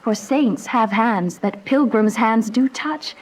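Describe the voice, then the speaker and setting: High-voiced lovestruck young girl. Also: slow, a little mellow, slight background noise. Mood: tender, coy. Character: lovestruck noble teenage girl, earnest and tender. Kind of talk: Shakespearean radio drama acting.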